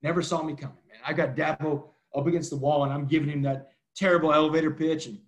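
A man in his forties from Texas, guesting on an interview as a motivational speaker. He races through his story with a slightly raised pitch and drops "man" into nearly every sentence. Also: steady tone. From Texas, USA. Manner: fast talker, keeps saying "man".

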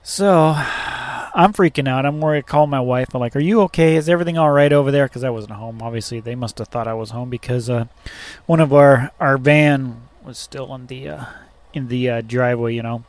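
A man's voice: mid-range voice, moderate pace, no room sound. Rambling, profane storytelling man. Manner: rambling, profane, lots of fillers and restarts. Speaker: truck driver. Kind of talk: casual storytelling vlog.

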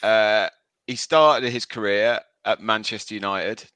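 A man's voice: fairly low pitch, steady tone, measured pace, pushed and bright, clean tone, dry recording. A man from Leicester chatting casually as a panellist on a football quiz podcast. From Leicester, England.

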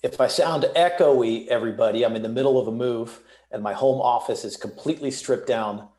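A man's voice: medium pitch, brisk. A young man, a podcast guest, talking casually about sports betting from a bare empty room that makes his voice echo. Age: young adult. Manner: relaxed, chatty, some restarts.

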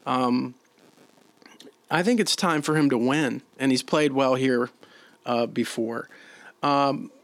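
A man's voice: mid-range voice, slow pace, long pauses, dry recording. A man co-hosting a casual golf chat, teasing his co-host and giving playful clues.

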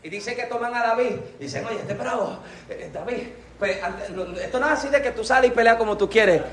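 A man preaching a sermon with a Puerto Rican accent, animated and acting out voices from the story. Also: very high-pitched, a little fast, slight background noise. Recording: echoey room from a distance.

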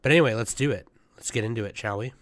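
Hoarse, congested young man rambling. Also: medium pitch, very fast, no room sound. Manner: rambling, profane, many fillers. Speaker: podcast host. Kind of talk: casual chat.

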